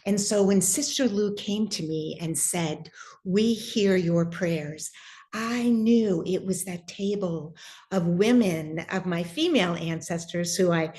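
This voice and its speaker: Woman guest, low-pitched, reflective personal testimony with halting restarts. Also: darkish tone. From Irish heritage. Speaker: guest sharing spiritual story.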